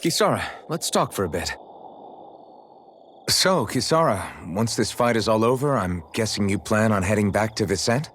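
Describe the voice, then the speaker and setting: An actor voices an easygoing, modest young swordsman in a video game cutscene, talking casually and teasing gently. The lowish voice is animated and moves at normal speed, with a calm, reflective mood and a slight hiss or hum on the recording.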